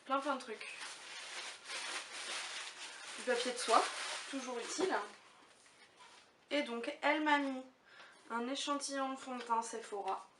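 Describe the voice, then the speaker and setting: Girl vlogger chatting away, gushy, highish voice, roomy sound, mic kinda far off. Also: unhurried, pauses often. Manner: gushing, chatty, thinking aloud. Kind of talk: casual unboxing chat to camera. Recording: roomy, distant mic with faint noise.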